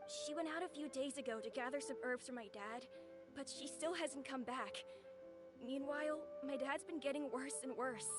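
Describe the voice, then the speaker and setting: A woman's voice: high voice, moderate pace, natural voice. A woman voicing an anxious young boy in a game, talking earnestly and with worry. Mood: worried. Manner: earnest, worried. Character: anxious young boy searching for his dad. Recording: game audio with music behind.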